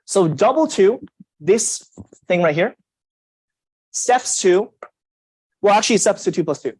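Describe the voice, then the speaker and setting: A young man lecturing a university class, lively and emphatic, putting questions to the students. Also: high-pitched, measured pace, breathy edge, no room sound, low-quality recording. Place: lecture hall.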